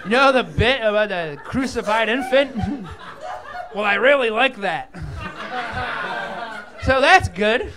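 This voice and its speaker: A man doing a deadpan stand-up comedy set on a comedy club stage. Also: very high voice, slow, long pauses, crowd noise, noisy background. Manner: deadpan absurd joke delivery. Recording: live club audience behind.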